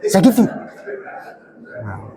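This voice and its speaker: A man's voice: very slow, dark tone. An older man with a Banyumas Javanese accent giving a religious study talk, folksy and joking, acting out bits of quoted dialogue. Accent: Indonesian, Javanese Banyumas. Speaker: preacher. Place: mosque study hall. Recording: long hall reverb.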